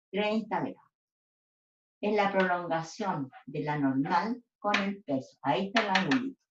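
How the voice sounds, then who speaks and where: A woman's voice: mid-range voice, a little hiss or hum. A woman teaching physics step by step, stopping often to check that students follow. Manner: checks in with "¿ya?" after each step. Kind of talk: whiteboard lesson. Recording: echoey room, dull lo-fi sound.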